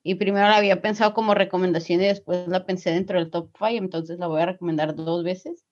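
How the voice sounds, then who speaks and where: A woman's voice: fairly low pitch, steady tone, quick pace, darkish tone. A woman co-hosting a casual podcast, playful and teasing. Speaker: podcast co-host. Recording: dull lo-fi sound.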